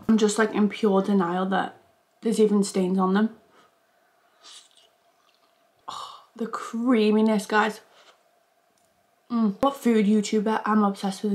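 A woman, chatting casually in a mukbang vlog and chewing between sentences. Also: mid-range voice. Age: 20s. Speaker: YouTuber.

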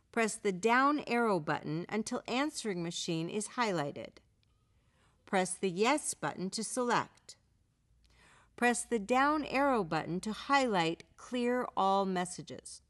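Measured woman narrating instructions. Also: mid-range voice, a bit bright. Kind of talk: scripted narration.

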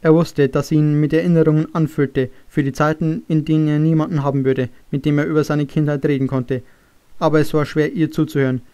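A man reading a German youth novel aloud as audiobook narration, steady and even. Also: fairly high pitch, fairly quick, smooth, dull audio. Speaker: audiobook reader.

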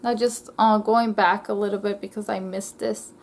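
A young Israeli woman speaks at a medium pitch and normal speed with a level tone, chatting through a casual educational vlog from her small bedroom. She's a language vlogger reading from notes, often saying "um" and correcting herself, recorded on her laptop's webcam mic.

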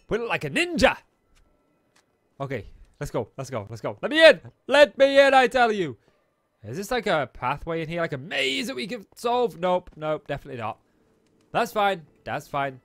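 A man giving chatty, excitable gameplay commentary and taunting the enemies on screen. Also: a little high, normal speed, pauses often. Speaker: let's play host.

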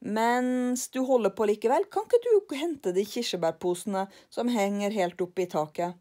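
Older woman doing a brash cocky little man, storybook reading, warm, lively delivery. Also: mid-range voice, close to an everyday voice. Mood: smug. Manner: brash, self-satisfied, shrugging off worries. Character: boastful carefree little man, loud and cocky.

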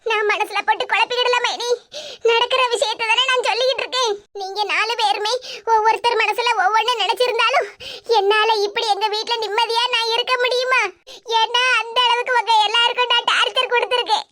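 A woman voicing a remorseful pregnant young woman in an animated cartoon comedy, speaking with a Kanyakumari Tamil accent in a high, squeaky cartoon voice. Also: fairly quick, a little hiss or hum. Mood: tearful, remorseful.

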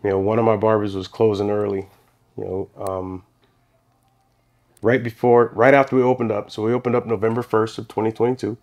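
This man in his thirties owns a barbershop and is a guest in a small podcast studio, speaking a little fast in a low-side voice. He tells his story loosely, circling back and restarting, and becomes more animated when retelling scenes.

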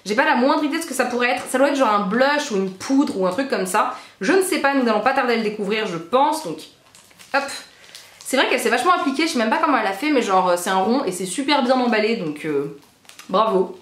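A bubbly young woman from France with a high voice, chatting excitedly through a casual unboxing vlog. She gushes and piles up repeated words for emphasis. The sound is echoey, as if recorded in a bare room. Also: fast. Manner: bubbly and gushing, repeats trop trop. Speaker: beauty vlogger.

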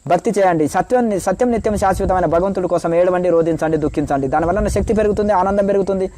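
A man's voice: high-pitched, quick pace, warm tone. A middle-aged man, a spiritual teacher, answering questions in a preachy way and rattling off lists of virtues.

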